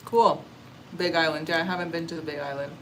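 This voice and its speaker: A young woman from Canada chatting casually on a livestream while eating, answering comments in a relaxed, chatty way with little murmurs of enjoyment. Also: sits low, quick pace, a little hiss or hum, rough recording. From Canada (Ontario). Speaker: livestream vlogger. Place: outdoors or open space in a warm country.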